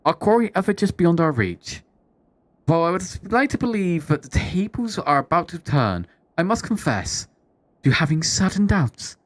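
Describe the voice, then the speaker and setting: Lively, grave old-world lord, put on by a woman streamer: formal and measured. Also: lowish voice, no room sound, voice pushed up. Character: stately formal medieval nobleman, man.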